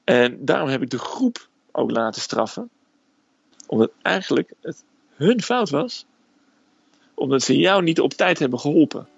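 A man's voice: on the high side, animated, unhurried, vocal fry, pauses often, breathy edge, dry recording, highs cut off, heavily acted. Man doing a barking army sergeant. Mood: stern. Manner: barking orders, blunt. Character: stern shouting male army sergeant.

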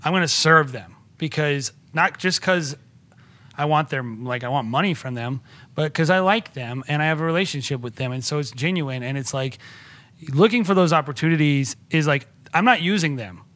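Upbeat male podcast guest, bright and slightly high voice, rambling and eager. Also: expressive, normal speed. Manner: enthusiastic, rambling with many restarts. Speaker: podcast guest, wedding filmmaker. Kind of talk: casual podcast conversation.

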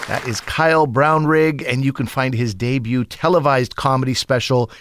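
A man's voice: medium pitch, steady tone, normal speed, background noise. A man hosting a radio comedy show, reading upbeat scripted announcements. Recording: music and crowd behind the voice. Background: guitar music.

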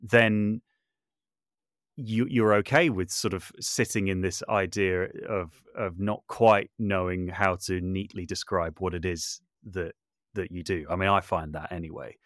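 Speaking thoughtfully as a podcast guest, this composer and voice artist often hesitates, rephrases, and repeats words as he works out what to say. His low voice is fairly bright and fairly even in intonation, a little slow, captured in a studio-quality recording without echo.

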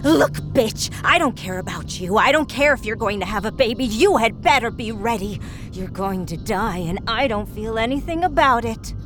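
An actress voicing a cold, remorseless young female killer who speaks in a flat, menacing way. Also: a little high, normal speed, over music, lightly acted. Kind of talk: true crime dramatized quote.

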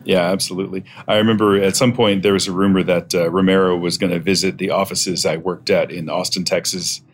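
Low-voiced man in casual interview talk. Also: level tone, brisk, a little hiss or hum. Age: middle-aged. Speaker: podcast guest, software testing expert.

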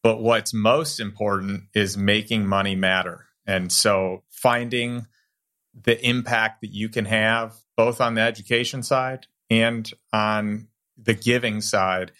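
A man's voice: lowish voice, fairly even intonation, takes it slowly, bright, forceful tone. A man speaking as the host of a podcast, addressing guest and listeners. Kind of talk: podcast hosting.

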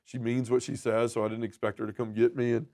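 A man in a podcast conversation, sharing a deeply personal faith story with earnest feeling. His voice sits at an ordinary middle pitch and often sinks softly at the ends of phrases. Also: level tone, fast. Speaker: podcast guest.

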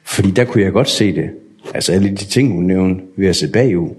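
A man telling his personal story in a candid, unhurried way, acting out remembered conversations. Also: low-pitched, a little mellow. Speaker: guest sharing a testimony.

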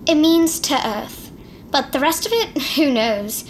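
Firm bossy adult lady, high voice, scolds a lot. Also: animated, takes it slowly, a little hiss or hum. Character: stern adult authority figure.

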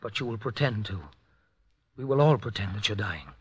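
A man's voice: lowish voice, a little fast, breathy edge, no echo. An actor playing Taro, a determined male prisoner who speaks urgently and earnestly in a radio drama.

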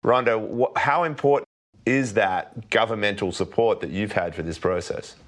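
Moderator: man with a lowish voice, long winding questions, thinks aloud. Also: moderate pace, fairly bright tone. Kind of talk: panel discussion moderation.

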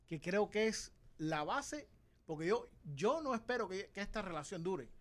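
A man with a notably high-pitched voice co-hosts a casual group chat. He tells his stories in a relaxed way and drops English words into his sentences. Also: normal speed. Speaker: co-host.

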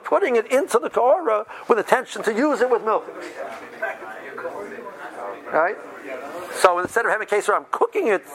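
A man gives an informal religious lesson as a teacher of religious law, working through everyday examples and checking in with short questions. His voice sits high with a fairly bright tone, and the audio is poor.

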